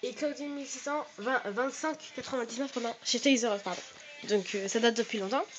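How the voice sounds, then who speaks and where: A woman's voice: a little high, brisk, music in the background. A woman in her bedroom giving a casual show-and-tell of her toy collection, chatty and full of hesitations as she reels off prices.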